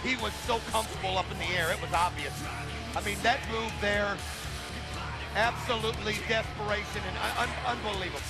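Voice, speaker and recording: A man giving animated, emphatic, opinionated color commentary on live wrestling in a conversational way. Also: high voice, brisk, creaky. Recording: loud crowd and music behind. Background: arena crowd and music.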